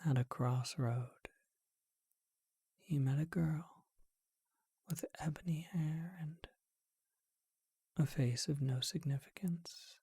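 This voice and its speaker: A performer voices a charming vampire telling an old tale in a gentle, breathy ASMR whisper, unhurried and reflective, with a hushed storytelling mood. The mid-range voice is heavily acted, and the recording is dry.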